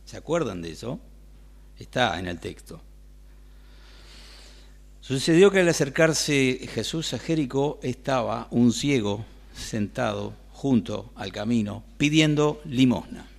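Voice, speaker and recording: A man with a Rioplatense Spanish accent preaches a sermon in church, speaking conversationally and putting questions to the congregation. His medium-pitched voice is animated and unhurried, with vocal fry.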